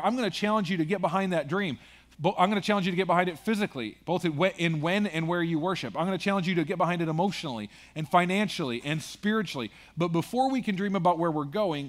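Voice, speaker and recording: High-voiced man preaching a sermon. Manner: conversational preaching with asides and humor. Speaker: pastor.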